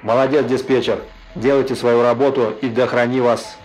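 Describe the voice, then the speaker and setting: A man's voice: medium pitch, level tone, normal speed, faint music behind, poor audio. An actor playing a stern male headquarters officer speaking in clipped turns over a police-style radio link. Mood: terse. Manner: clipped, ends each turn with "over". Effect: police-style radio transmission. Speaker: radio caller in an audio drama.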